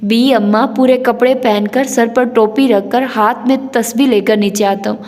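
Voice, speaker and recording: A woman's voice: a little high, steady tone, moderate pace, a little mellow, lightly acted. A woman voicing a playful, teasing young husband in a romance novel reading, with a long hall reverb. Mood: mocking. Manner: teasing, bantering.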